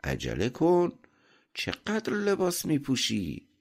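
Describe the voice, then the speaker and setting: A greedy, fretful landowner from a folk tale, as a male narrator puts him on. He speaks in a raised, strained voice that swings up and down, anxious one moment and shouting the next. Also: mid-range voice, huge pitch swings, vocal fry, pitched above the performer's own voice, exaggerated voice.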